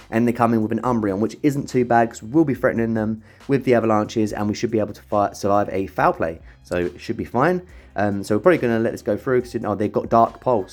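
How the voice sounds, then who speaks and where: Fast-talking man ranting over gameplay. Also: mid-range voice, darkish tone. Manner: rapid, ranting when annoyed. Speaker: gaming commentator. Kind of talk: gameplay commentary.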